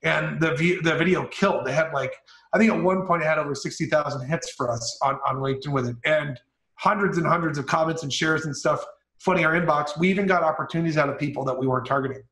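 A man's voice: a little high, quick pace, a bit bright, reverberant, rough recording. A man, a marketing executive, telling an upbeat story as an interview guest on a video call. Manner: upbeat, eager storyteller with casual fillers.

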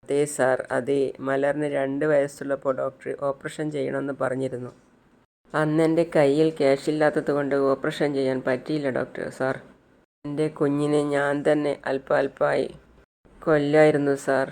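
A grieving poor mother pleading through tears for her sick daughter, as a man puts her on. The voice is gravelly and kept within a narrow pitch range, in a retold serial drama. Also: little pitch movement, moderate pace, darkish tone, lightly acted. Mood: self-blaming. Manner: pleading, tearful.

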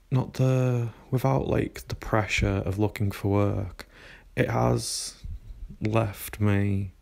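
Slow, gravelly man rambling. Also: fairly low pitch, darkish tone. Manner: rambling, frequent "like" and "um". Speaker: vlogger. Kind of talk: casual rambling vlog chat. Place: woodland path outdoors, walking.

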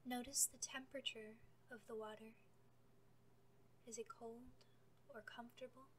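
A woman guides a meditation, giving soft scripted instructions in a gentle, calm voice. Her pitch is fairly high and her pace normal, though the rough recording carries a little hiss or hum.

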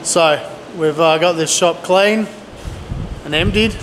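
A middle-aged DIY builder vlogs to a handheld camera in a large indoor pole barn workshop, speaking slowly in a fairly high, slightly bright voice. His talk is laid-back and slangy, and the arm's-length camera mic captures an echoey barn with clear background noise.

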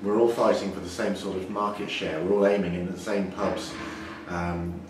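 A man in his forties, a brewer, explaining things in a measured way with frequent restarts during an interview in a brewery. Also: deep voice, fairly even intonation. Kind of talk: interview answers. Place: indoor brewery floor. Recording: echoey, distant, noisy brewery room.

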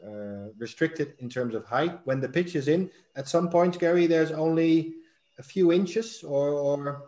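A man's voice: a little high, unhurried, mellow, roomy sound. A middle-aged man hosting a live online talk show over a video call, with many fillers and repeated words. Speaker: host. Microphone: webcam on video call.

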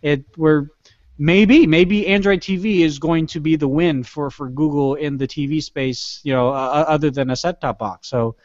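A man with a fairly high voice jokes and explains gadgets on a tech podcast, in an easygoing way. The sound is dry and muffled. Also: steady tone, normal speed, darkish tone, no echo. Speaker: podcast co-host. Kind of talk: casual tech podcast chat. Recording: dry, dull lo-fi podcast audio.

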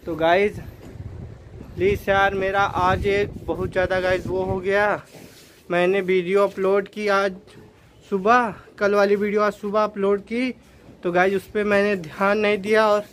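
A young man chatting casually to his vlog viewers, complaining and calling them guys. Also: high voice. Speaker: vlogger. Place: outdoors on a windy day. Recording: outdoor wind noise.

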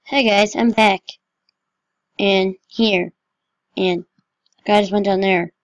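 Slow-talking woman narrating her gameplay. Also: mid-range voice, steady tone, no room sound, poor audio. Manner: chatty and self-mocking. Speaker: gaming channel host. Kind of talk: casual gameplay commentary.

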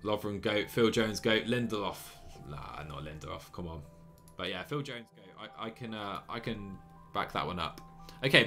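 Wearing a headset in a small room, a twenty-something man with a lowish voice livestreams a cycling management game. He gives excitable, chatty commentary on the gameplay and reads the chat, frequently breaking into laughter.

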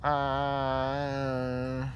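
A man's voice: medium pitch, completely flat delivery, drawn-out words, clear, resonant tone. A young man rambling loopily and disjointedly in a casual vlog, groggy, with mumbly, slurred speech. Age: young adult. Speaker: vlogger. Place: inside a moving car. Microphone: phone at arm's length. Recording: noisy car interior phone recording. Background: car and road noise.

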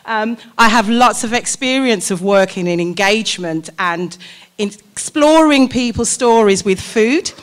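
A woman chef and performer pitching her show at an arts conference in a playful, theatrical way, with laughter. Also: expressive, measured pace.

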